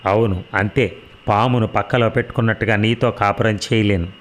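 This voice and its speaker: A man's voice: on the low side, steady tone, fairly quick, lightly acted. A man voicing a proud, sarcastic rich young wife in a read-aloud story, mocking and defiant. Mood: bitter. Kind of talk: audio drama reading.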